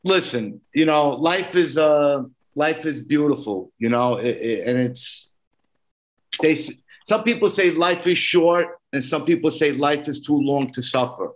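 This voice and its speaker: A man's voice: a little high, animated, unhurried. A man with a Brooklyn accent chatting casually as a podcast guest, earnest and often repeating his phrases. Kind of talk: casual conversation.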